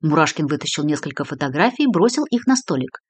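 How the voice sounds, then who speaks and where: Fast, lively woman narrator. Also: low-pitched, husky, no room sound. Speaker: audiobook narrator. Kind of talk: scripted narration.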